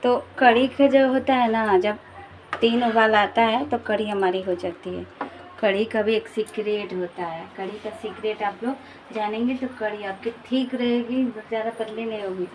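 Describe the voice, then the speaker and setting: A woman's voice: medium pitch, fairly even intonation, moderate pace. A woman vlogging at home while she cooks, chatting to her viewers and calling them guys. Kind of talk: casual cooking vlog. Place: home kitchen, indoors. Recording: echoey kitchen with background noise.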